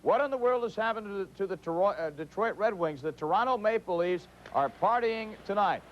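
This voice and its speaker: High-voiced male hockey studio host. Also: expressive, brisk. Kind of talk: hockey intermission commentary. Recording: slightly noisy, dull old TV broadcast.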